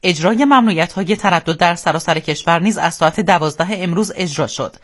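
A man's voice: high-pitched, a bit bright. A man with an Iranian accent reads a scripted radio news bulletin in a solemn, formal newsreader manner. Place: radio studio.

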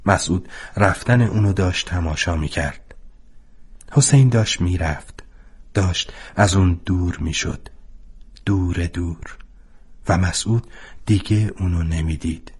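Husky low-voiced male narrator. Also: pauses often. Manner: calm, expressive storytelling. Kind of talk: storybook reading.

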